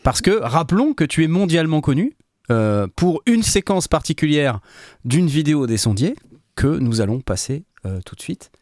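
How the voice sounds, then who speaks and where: A man hosting a live stream, asking his guest questions in a relaxed, joking way. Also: a little high, normal speed, no echo, clean studio sound. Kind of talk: casual live-stream chat.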